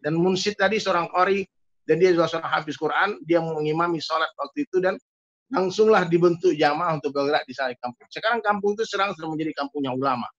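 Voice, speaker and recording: Animated high-voiced Malay-accented storyteller. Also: male voice, fast talker, muffled recording. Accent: Riau Malay. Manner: animated, keeps addressing his host. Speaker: guest musician. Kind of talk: storytelling in conversation.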